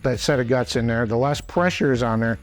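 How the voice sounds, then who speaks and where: A man's voice: medium pitch, fairly quick, faint music behind. A man instructing in a plain-spoken, practical way, explaining step by step in a conversational demonstration style. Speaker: instructor, hunting call expert.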